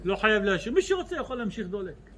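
A man's voice: high voice, slight background noise. A man giving a religious lecture to a live audience, telling humorous stories and quizzing his listeners. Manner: lively storyteller who acts out dialogue in his stories; addresses the audience directly with questions.

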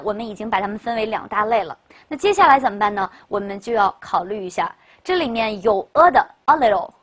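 A woman giving a classroom grammar lecture as a teacher, lively and full of questions to the class. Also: on the high side, slightly rough. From China. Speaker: English teacher.

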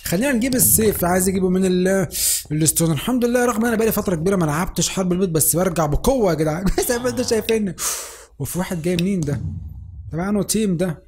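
A young man with an Egyptian Arabic accent giving joking, excitable commentary over a Minecraft match. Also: sits high, very fast, slight background noise. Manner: excitable, joking, teasing other players. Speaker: gaming YouTuber. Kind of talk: Minecraft let's play commentary.

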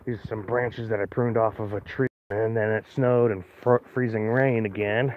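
A man's voice: on the low side, steady tone, normal speed, no echo. A man giving a casual walking tour of his homestead, rambling with lots of fillers, recorded outdoors on a handheld phone. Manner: rambling, filler-heavy, chatty. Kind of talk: casual walkaround narration. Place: outdoors on a rural homestead yard. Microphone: phone camera held while walking. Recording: tinny phone-line sound with faint noise.

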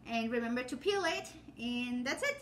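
Framed from the waist up by a phone or camera on her kitchen counter, this home cooking channel host, a native Spanish speaker, shows a technique in a loose, rambling way, full of fillers and corrections of herself. She speaks at a moderate pace in a fairly high, expressive, fairly bright voice. A faint hiss or hum runs underneath.

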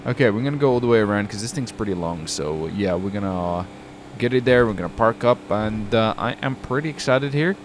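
A man's voice: lowish voice, expressive, fairly quick, a little hiss or hum. A young man from the UK chatting casually while roleplaying in a driving game, rambling and saying "dude" a lot. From United Kingdom. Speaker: roleplay streamer.

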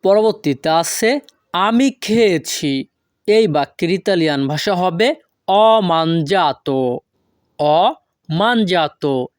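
Patient online tutor, unhurried and methodical, recorded dry and close. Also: medium pitch, expressive, no echo. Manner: deliberate, repeats each foreign phrase slowly, asks and answers own questions. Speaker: language teacher. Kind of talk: online language lesson.

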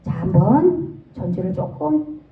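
A woman's voice: medium pitch, very animated, takes it slowly, roomy sound, far from the mic, narrow, tinny audio. A woman teaching a song class, singing short phrases, counting in and patiently correcting how they are sung. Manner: patient, demonstrating lines then correcting them. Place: senior welfare center class video.

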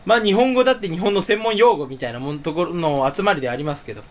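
A man chatting alone in a rambling, self-mocking way, with sudden jumps up in pitch. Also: fast, slight background noise. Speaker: streamer. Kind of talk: casual solo chat.

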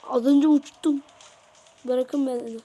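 High-voiced excitable woman gamer. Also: slow pace, husky. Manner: excitable, repeats phrases in bursts; slangy casual talk to viewers. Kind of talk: let's play commentary.

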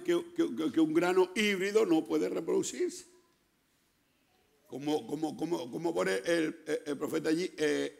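A Chilean man preaches in a high voice with a gravelly edge. He talks slowly, repeats himself and drops in "amén" again and again. He builds up to shouted lines. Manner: emphatic preaching, often repeating words and punctuating with "amén". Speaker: pastor. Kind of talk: sermon.

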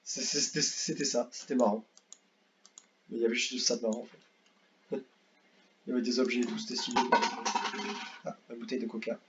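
A man's voice: medium pitch, brisk, pauses often, noisy background. Young guy rambling through a game tier list, repeats stuff a lot, muffled lo-fi mic. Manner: rambling, repeats words, excitable bursts. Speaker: gaming youtuber. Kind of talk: casual tier-list commentary.

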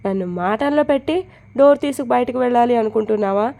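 A woman's voice: on the high side, fast talker, creaky, dark tone. A woman voicing a cocky, teasing young man in a storybook reading, with a bold, bragging manner. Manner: bold, mock-serious, bragging.

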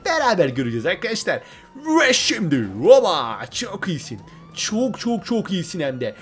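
A man giving excited gameplay commentary, often repeating words in bursts and talking straight to his viewers. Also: high-pitched, a little hiss or hum. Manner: excitable, repeats words when thrilled, addresses viewers as friends.

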